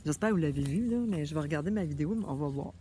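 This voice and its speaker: A woman with a Québécois French accent, chatting casually straight to her viewers in an animated, familiar way. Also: low-pitched, rapid-fire, slight background noise. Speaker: vlogger.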